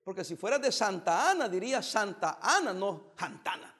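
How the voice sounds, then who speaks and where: A pastor from El Salvador giving a joking, teasing sermon with bursts of emphasis. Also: male voice, high-pitched, big pitch swings, moderate pace, fairly bright tone, long reverb tail.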